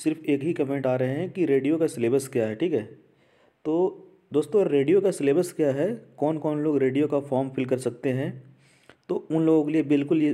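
A warm, medium-pitched man hosts an education channel, giving an informal explainer to an audience that never sees him on camera. He speaks conversationally, repeating phrases and often tossing in check-in tags.

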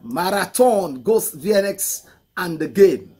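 A middle-aged man with a husky voice, reacting to a song in casual commentary and repeating phrases for emphasis. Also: high-pitched, animated, takes it slowly. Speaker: music reaction host. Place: indoor room, photo-covered wall. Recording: music playing faintly behind. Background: hip hop song.

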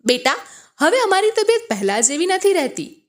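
A woman voicing a fond, caring middle-aged mother who speaks gently and coaxingly. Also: very high-pitched, big pitch swings, a little fast, pitched above the performer's own voice. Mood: gentle.

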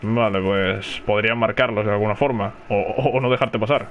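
A man's voice: fairly low pitch, steady tone, normal speed, dull audio, slight background noise. A man with a Spanish accent from Spain, commenting live on his own gameplay, chatting and calling out to teammates. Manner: chatty, reacts aloud and calls to teammates. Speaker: gaming streamer.

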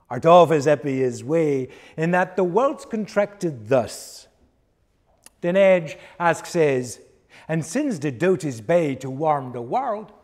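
A middle-aged man recites verse in Shakespearean English, in an early modern original-pronunciation accent. His delivery is declamatory and slow, with big sweeps of pitch. His voice rings with long reverb in a wooden recital hall. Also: a little mellow. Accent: reconstructed early modern English pronunciation. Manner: declamatory, dramatic, projected to the room. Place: wooden recital stage indoors.

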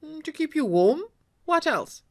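A woman puts on a big-hearted, boastful middle-aged husband, loud and exclaiming, his voice jumping high with excitement. He swings widely up and down as he talks, full of bluster. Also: unhurried, full character voice.

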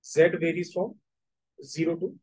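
High-voiced North Indian man teaching maths. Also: fairly even intonation, normal speed, a little mellow, breathy edge, poor audio. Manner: repetitive explaining, switching between languages, checking understanding. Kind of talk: online whiteboard lesson.

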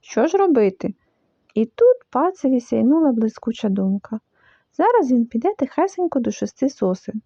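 A woman reading a children's story aloud in an expressive, animated way. The recording is dull and lo-fi. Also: a little high, normal speed, no room sound. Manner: lively, animated, full of voices.

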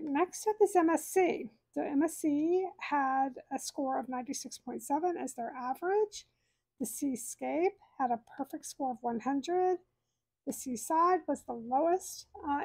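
Speaking from home in a high, slightly mellow voice, a woman in her thirties who runs a cruise vlog goes through scores in a friendly, explanatory way. The audio has no room sound and is low in quality.

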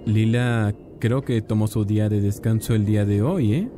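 Excitable gamer commentating. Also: male voice, fairly low pitch, normal speed. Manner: chatty, excitable, talks to viewers. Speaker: gaming youtuber. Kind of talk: casual gameplay commentary. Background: game music.

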